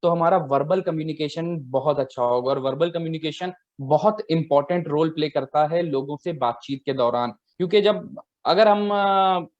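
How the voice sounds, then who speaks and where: A man hosting an interview, politely affirming answers and asking structured follow-up questions. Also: fairly high pitch. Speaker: host interviewer. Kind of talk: interview conversation. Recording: dull lo-fi sound.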